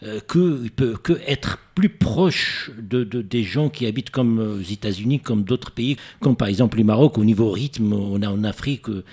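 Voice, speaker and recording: Husky-voiced male radio interviewer. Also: lowish voice, normal speed, few pauses, a little mellow. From Morocco. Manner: hesitant, searching for words. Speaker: radio host.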